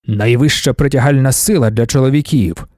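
A man reading the part of an ancient godlike male emperor, calm and cryptic, with a slow, weighty delivery. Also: mid-range voice, dry recording, studio quality, lightly acted. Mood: measured.

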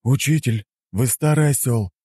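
A man's voice: mid-range voice, normal speed, warm tone, no echo, voice pushed up, close to an everyday voice. Enchanted tendrils deliver messages in a lifted, formal announcing tone, as a male narrator voices them. The sound is dry and close. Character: magic tendrils relaying messages word for word.

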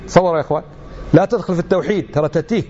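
A man's voice: on the high side, rapid-fire, warm tone, dull audio. A middle-aged man giving an emphatic religious lecture, full of rhetorical questions.

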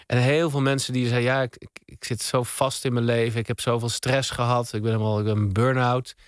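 Relaxed Dutch-speaking man telling stories. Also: mid-range voice, brisk, clear, resonant tone, no room sound, clean studio sound. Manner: relaxed, meandering with many fillers. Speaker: guest, spoken word artist. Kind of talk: casual radio interview storytelling. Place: radio studio. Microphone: studio microphone.

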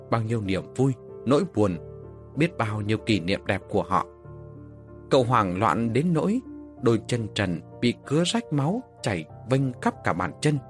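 A man narrating a dramatic ghost story, expressive and rising sharply in tense moments. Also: mid-range voice.

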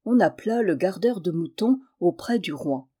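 A woman reading a folk tale aloud in a steady storytelling manner. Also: fairly low pitch, moderate pace, slightly rough. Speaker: reader.

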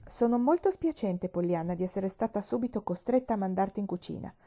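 A woman's voice: mid-range voice, lively intonation, brisk, mellow. A woman reading aloud, voicing a cold, stiff, strict aunt who speaks formally.

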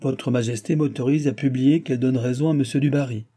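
A man plays a haughty duke in an audiobook who answers a king with icy calm. The voice is low, very dark and husky. Each word is measured and firm. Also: lightly acted. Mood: cold. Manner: cold, measured and unyielding. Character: cool, haughty male duke, a royal minister. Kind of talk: audiobook character reading.

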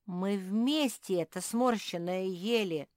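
A woman's voice: mid-range voice, animated, measured pace, dry recording, studio quality, voice pushed up, close to an everyday voice. A woman voicing a cheeky, teasing squirrel boy in a storybook reading. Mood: sly. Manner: sly, giggling, teasing.

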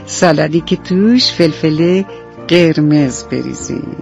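Gentle woman telling a bedtime story. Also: sits low, creaky, faint music behind. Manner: tender, addresses listeners as dear children. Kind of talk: bedtime story narration for children. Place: radio studio. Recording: dull dry radio studio recording.

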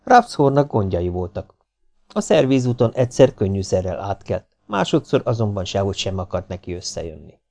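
A man reading an audiobook aloud in a steady, even storytelling manner. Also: on the low side, vocal fry. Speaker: audiobook narrator.

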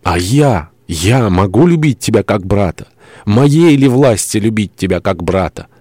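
A man's voice: sits low, fairly even intonation, moderate pace, darkish tone, no echo, clean studio sound, lightly acted. A man voicing a pious young mother in anguish, pleading and breaking into tearful outbursts in an audiobook.

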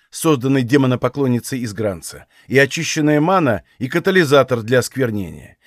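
Audiobook: male reader as a hot-headed young mage, combative, lively pitch swings. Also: no room sound, studio quality, lightly acted. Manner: blunt, swearing, combative.

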